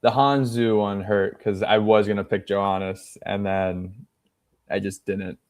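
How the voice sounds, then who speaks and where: A man's voice: fairly low pitch, flat delivery, a little slow, darkish tone. A man co-hosting a sports podcast, talking tongue in cheek in casual chat. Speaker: podcast co-host.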